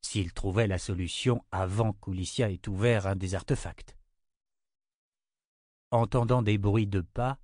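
A man reads a novel aloud in a steady, literary audiobook style. His voice sits low and calm. The recording is dry, with no room sound at all. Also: dry recording. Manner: even, literary reading. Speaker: audiobook narrator. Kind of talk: scripted narration.

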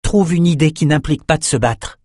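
A man's voice: fairly high pitch, brisk, darkish tone, no room sound, studio quality, pitched above the performer's own voice, natural voice. A man voicing a defiant young male swordsman held prisoner, speaking firmly and urgently in an audiobook. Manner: firm, urgent. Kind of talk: audiobook character reading.

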